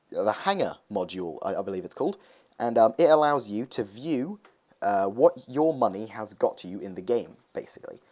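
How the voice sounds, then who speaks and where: A man's voice: lowish voice, mellow. A young man talking casually over gameplay footage, rambling with lots of hesitations as he hosts his gaming video.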